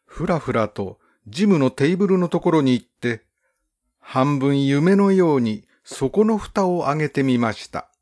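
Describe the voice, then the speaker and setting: A male narrator reads a first-person story with a measured, gently expressive delivery. His pitch sits in the middle but rises and falls a great deal from phrase to phrase, giving the reading plenty of melody. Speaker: audiobook narrator. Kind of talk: calm literary storybook narration.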